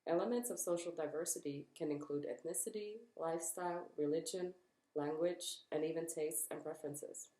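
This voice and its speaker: Low-voiced young woman reading formally. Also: warm tone. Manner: measured, formal reading of definitions. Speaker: student presenter. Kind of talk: read group presentation. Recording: echoey room.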